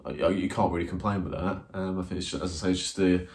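A man sits facing a camera in a small room against a plain wall, reviewing a football match in a hesitant way full of ums and restarts. He talks fast in a low, slightly mellow voice with a flat delivery.

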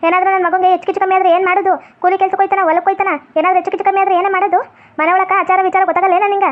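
A woman voicing a deaf, cranky old grandmother who scolds fast and holds to strict customs, in a comedy skit. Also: level tone. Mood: scolding. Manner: scolding, shrill and quick. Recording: tinny phone-like sound.

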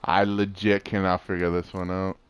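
Low smooth-voiced man gaming casually. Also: level tone, moderate pace, no echo. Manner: exclaiming, laughing often. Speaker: gamer. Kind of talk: casual co-op gameplay chat.

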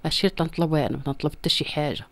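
A woman's voice: low voice, steady tone, rapid-fire, fairly bright tone. A woman in her thirties with a Moroccan accent, making a plaintive, insistent personal plea into a handheld microphone in an interview at home. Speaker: interviewee appealing for help. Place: small room at home. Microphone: handheld reporter's microphone close to the mouth.

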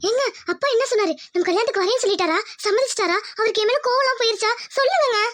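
A woman's voice: very high-pitched, rapid-fire, a bit bright, voice pushed up. A woman voicing a young village bride in a cartoon, tender, pleading and emotional. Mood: worried. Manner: pleading, emotional, calls her fiancé uncle-sweetly. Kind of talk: cartoon voice acting.

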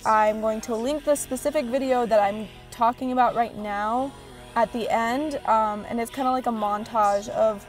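A young woman with a Valley girl accent, chatting casually and upbeat to her vlog viewers, full of likes and ums. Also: a little high. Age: young adult. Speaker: vlogger.

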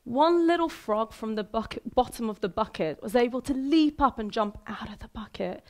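A woman in her thirties, originally from Iran and raised in Sweden, giving a lively, conversational motivational talk from a theater stage and asking the audience questions. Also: a little high, moderate pace. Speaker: keynote speaker. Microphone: headset mic.

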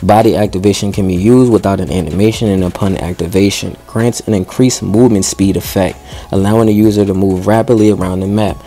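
Deep-voiced man reading game patch notes. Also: fairly quick, soft background music. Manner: slangy excited asides between read passages; stumbles and restarts while reading. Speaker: gaming YouTuber. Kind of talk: reading game update notes aloud with commentary.

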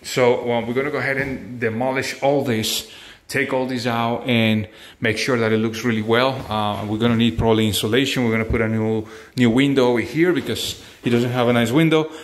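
A man's voice: medium pitch, fairly even intonation, brisk. A man in his forties hosting a home remodeling walkthrough, explaining step by step with restarts and phrasing. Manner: explanatory, hesitant restarts, non-native phrasing. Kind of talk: casual walkthrough tutorial. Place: empty bedroom under demolition, indoors. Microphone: on-camera mic from a distance. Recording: roomy echo from far off.

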